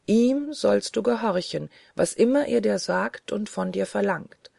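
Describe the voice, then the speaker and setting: A reader voicing a commanding angel spirit in a gothic audiobook, with a slow, solemn, prophetic delivery. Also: mid-range voice, animated, vocal fry, darkish tone, dry recording, studio quality, heavily acted.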